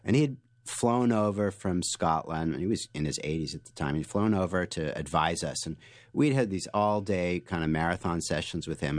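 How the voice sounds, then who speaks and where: Deep-voiced man explaining with energy. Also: no echo. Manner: animated explainer, frequent restarts and fillers. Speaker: author and guest. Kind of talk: interview answers, storytelling.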